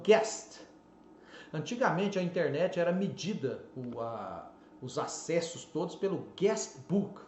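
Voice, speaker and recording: A fairly high-voiced Brazilian man with a Brazilian Portuguese accent gives a casual online teaching lesson, punching out each example word and tagging his sentences with little checks. The sound is roomy and a bit dull, with faint ambience behind him. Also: slight background noise. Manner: animated, stresses example words, frequent "né?" and "ok?". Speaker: English teacher.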